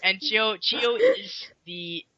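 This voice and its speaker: A man's voice: sits high, slow pace, muffled recording, crowd noise. A man with a Canadian accent, casually introducing guests as a podcast host. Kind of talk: casual upbeat podcast hosting.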